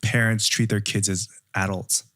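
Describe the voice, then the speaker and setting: A man's voice: lowish voice, level tone, normal speed, fairly bright tone, no echo, clean studio sound. A man co-hosting a podcast, chatting loosely with many "like"s and "sort of"s. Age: adult. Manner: casual, lots of "like" and "sort of". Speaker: podcast co-host. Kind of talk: casual discussion.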